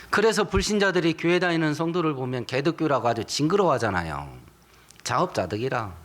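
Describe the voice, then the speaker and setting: A male pastor preaching with a fairly high, very animated voice that rises and falls sharply. He is emphatic and keeps putting rhetorical questions to his listeners. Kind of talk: sermon.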